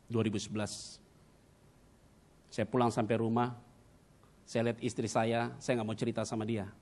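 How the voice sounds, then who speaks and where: A middle-aged man preaches at mid pitch, sliding from quiet confiding passages into sudden loud, emotional outbursts. He tells his own story in a vivid, dramatic way and drops English words into his speech. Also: level tone, moderate pace. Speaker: pastor. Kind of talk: sermon.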